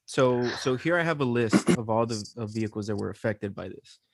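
A man's voice: medium pitch, expressive, brisk, gravelly, no room sound. A man hosting a casual podcast chat, loose and swearing, laughing as he explains. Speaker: podcast host.

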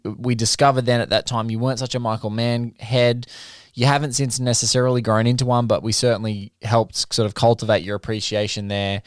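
A man's voice: medium pitch, smooth, no echo, studio quality. A man hosting a podcast in a casual, effusive, rambling way with colloquial turns of phrase. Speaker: podcast host.

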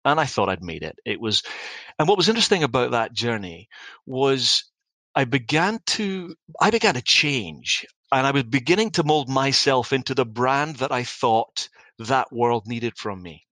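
A middle-aged Scottish man, a business founder, talks through his life story in an interview. He is wry and anecdotal and often restarts his sentences. His voice sits at an ordinary pitch and the sound is dry and close. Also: animated, normal speed, pushed and bright, no echo, low-quality recording. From Scotland.

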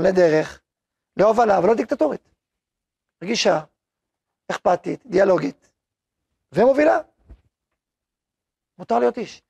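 A man's voice: high-pitched, vocal fry, darkish tone, slightly rough. A man with an Israeli accent teaching an informal religious lesson, acting out both sides of little dialogues and talking with the class. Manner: acts out both sides of dialogues, talks to the room. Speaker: yeshiva rabbi teaching a class. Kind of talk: informal Torah lesson to students.

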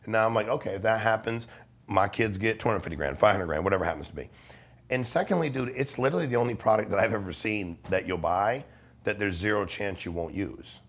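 Here a middle-aged podcast guest who sells life insurance talks quickly and animatedly, his fairly low voice carrying a fairly bright tone. He's casual but persuasive, delivering blunt, emphatic remarks full of slang and cussing.

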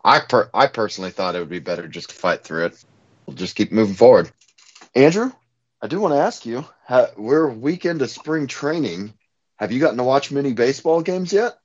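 A man co-hosting a casual podcast, sounding nasal from a cold, leading the talk in a relaxed, conversational way. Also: mid-range voice, fairly quick. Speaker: podcast co-host. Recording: dull lo-fi audio.

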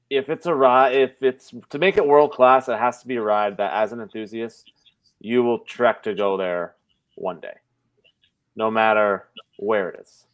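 Medium-pitched man chatting as podcast guest. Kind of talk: casual podcast chat.

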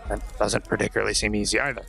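A man playing his character in a tabletop game, blunt and animated. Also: fairly low pitch, racing, creaky, soft background music. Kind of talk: in-character tabletop role-play.

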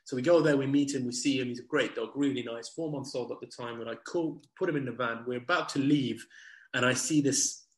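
A man telling a story as a guest, animated, acting out his own past lines and swearing casually. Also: mid-range voice, fairly quick. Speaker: guest, dog trainer. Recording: roomy echo.

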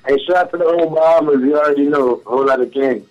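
A man's voice: fairly high pitch, racing, a crowd in the background. Laid-back Jamaican man on a muffled line. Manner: laid-back slangy talk with "you feel me". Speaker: rapper and young label owner. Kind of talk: casual interview call-in.

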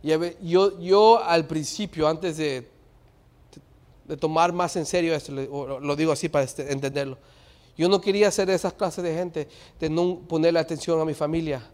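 A middle-aged male preacher giving a sermon, moving from quiet talk to loud preaching shouts and slipping English words into his Spanish. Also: fairly high pitch, steady tone, normal speed.

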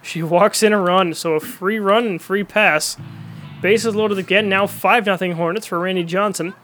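A high-pitched male baseball commentator narrates the game play by play. He delivers his calls in a dramatic announcer style. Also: steady tone, moderate pace, pushed and bright, faint music behind.

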